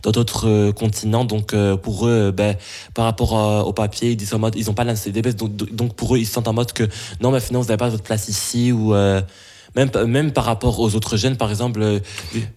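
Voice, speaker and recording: A young man from Belgium answering interview questions, halting and full of restarts and fillers. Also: on the low side, little pitch movement, a little mellow.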